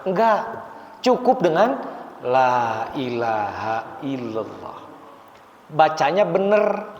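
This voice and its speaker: A man teaching a mosque class on funeral rites, patiently explaining to the audience and reciting Arabic phrases slowly. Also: high voice. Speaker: religious teacher. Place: mosque hall. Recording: echoey hall, dull lo-fi sound.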